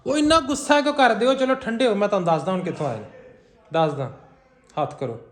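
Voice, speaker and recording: A young man with a Punjabi accent, teasing his mother in a family prank vlog. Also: fast. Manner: teasing, swings between loud and low. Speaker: vlogger son. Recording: echoey room.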